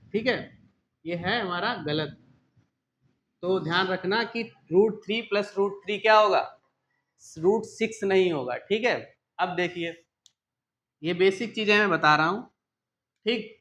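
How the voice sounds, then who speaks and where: A male teacher with a high voice works through a math lesson one step at a time. He keeps asking questions and answering them himself, with frequent check-ins. The recording sounds dull and lo-fi. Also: a bit bright. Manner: explains step by step, often asks and answers his own questions; repeats "ठीक है" often as a check-in.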